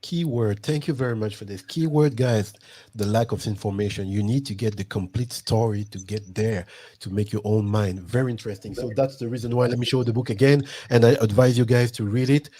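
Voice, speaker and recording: He talks fairly quickly in a fairly low, dark voice: a Guadeloupean host of a live online show. Casual and eager, he repeatedly urges his viewers on, often saying the same things twice.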